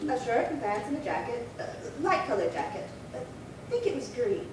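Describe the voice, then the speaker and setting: Playing a chatty, indignant, prim woman in her late seventies in a radio crime drama styled after the 1950s, the actress rambles fussily through an earnest account. Her voice is a little high with big pitch swings at normal speed, and the room sounds very echoey, distant and noisy.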